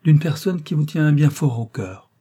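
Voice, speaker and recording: A man reading the part of a young, flighty viscountess who pleads in tears, high-strung and urgent. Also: animated, moderate pace, dark tone, husky. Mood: urgent pleading.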